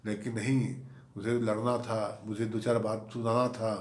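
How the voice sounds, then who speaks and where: A man's voice: lowish voice, little pitch movement, unhurried, reverberant. A man telling a comic tale of his own marriage in a mock-mournful, exasperated manner. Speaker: comic storyteller, channel host. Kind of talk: comic monologue told to camera.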